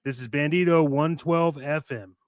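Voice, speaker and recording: A podcast host with a voice on the high side speaks at normal speed in clean studio sound with no room ambience. He chats casually while hosting his show, adopting a playful, mock-grand manner.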